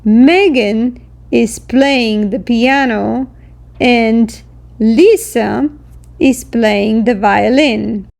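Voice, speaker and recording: A woman teaching a recorded language lesson, explaining slowly and carefully with example sentences. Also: a little high, vocal fry, a little mellow.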